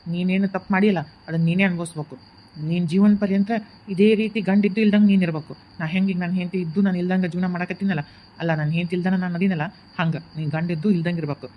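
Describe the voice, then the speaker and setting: A woman's voice: lowish voice, slight background noise, natural voice. A woman voicing a grieving young husband in a cartoon who rejects his new wife, with a North Karnataka Kannada accent, bitter and stubborn. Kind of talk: cartoon voice acting. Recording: muffled lo-fi home recording.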